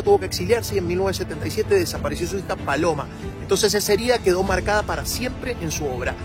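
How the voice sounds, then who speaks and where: A man with an Argentine Spanish accent making an urgent, indignant video appeal. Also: sits high.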